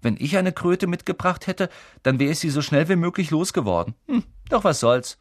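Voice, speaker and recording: An awkward schoolboy, voiced by a man, a little higher than a grown man's voice and bouncing about as he grumbles. He mumbles sheepishly, slipping into gloom. Dry, close storybook reading. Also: lively intonation, moderate pace, no room sound. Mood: chatty. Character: awkward, gloomy eleven-year-old wizard boy. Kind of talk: audiobook character voice.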